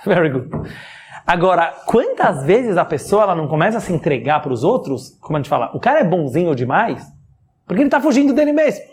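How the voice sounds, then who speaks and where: A man's voice: high-pitched, big pitch swings, fairly quick, slightly rough. A man with a Brazilian Portuguese accent, a rabbi giving a spoken religious lesson, who asks rhetorical questions and chuckles often. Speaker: rabbi teaching a class.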